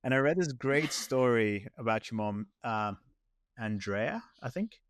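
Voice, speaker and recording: A man's voice: medium pitch, animated, no echo, studio quality. A man hosting a podcast interview in casual chat, rambling and correcting himself as he goes. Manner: rambling, self-correcting, pace swings between slow and quick. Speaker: podcast host.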